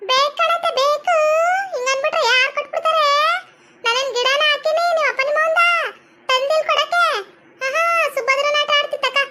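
A woman playing a bossy, sharp-tongued middle-aged village aunt in a comedy skit, speaking with a North Karnataka Kannada accent. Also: very high voice, fairly even intonation, fast talker, heavy background noise. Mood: mocking. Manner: scolding, sharp-tongued, theatrical.

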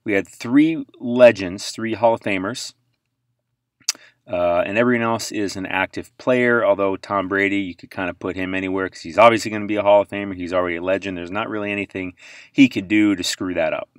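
A man with a somewhat low voice talks through price charts in an offhand, chatty way. He rambles and trails off, then bursts into loud exclamations. The sound is dry, with no room echo. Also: fairly even intonation, fairly quick. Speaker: sports card investing channel host. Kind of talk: casual commentary while browsing price charts.

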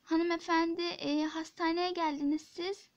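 A woman voicing a soft, soothing nurse. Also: very high-pitched, little pitch movement, normal speed. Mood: gentle. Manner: soft, hesitant and pleading. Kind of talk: Turkish toy-app drama voice acting.

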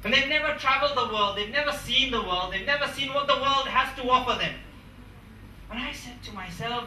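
Speaking to students in a large, echoey conference room, an Englishman in his twenties gives a motivational speech that is emphatic and full of repetition. He uses a handheld mic, and his high, pushed, bright voice is captured from a distance with a little hiss or hum.

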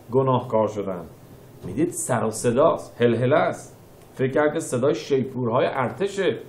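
Man, rabbi, sermon, explains verses phrase by phrase, quiet then loud bursts, mid-pitched voice. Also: roomy sound, a little hiss or hum. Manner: reads Hebrew verses and explains them phrase by phrase. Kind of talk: sermon teaching scripture.

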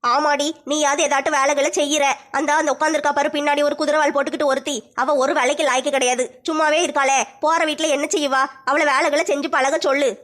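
A woman's voice: sits high, flat delivery, fast talker, few pauses, a bit bright, pitched below the performer's own voice. A woman playing a nagging, scolding elderly mother-in-law in a comedy skit. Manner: scolding, complaining.

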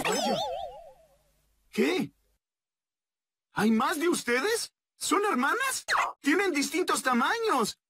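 A dub voice actress plays a cheerful, playful young girl in a Latin American Spanish fan dub of a children's show, giggling and exclaiming as she talks to the objects around her. Her high voice is heavily acted and studio quality with no room sound, though loud children's music plays behind her.

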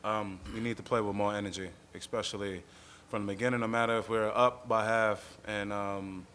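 A man's voice: on the low side, fairly even intonation, moderate pace, fairly bright tone, slight background noise. A young man, a college basketball player at a postgame press conference, talking plainly and earnestly into a table mic. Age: young adult.

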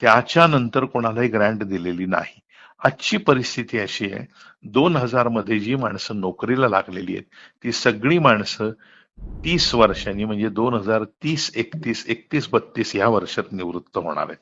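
A middle-aged man on the telephone explains political matters emphatically and asks rhetorical questions in a frank conversation recorded off the call. His voice is lowish and fairly bright with lively intonation, the pace is moderate, and the highs are cut off.

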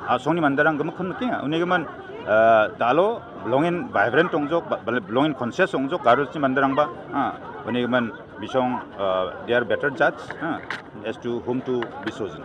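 Brisk and animated at medium pitch, a middle-aged man with a Northeast Indian accent speaks as a political candidate, arguing emphatically in a press interview with English mixed in. He is outside at an evening gathering, news microphones held close to him, and the busy crowd can be heard in the background.

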